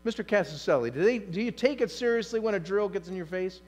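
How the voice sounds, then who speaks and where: A man's voice: high-pitched, expressive, fast, a little mellow. A male pastor preaching a sermon in a church, emphatic and repetitive, asking the congregation questions. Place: church sanctuary.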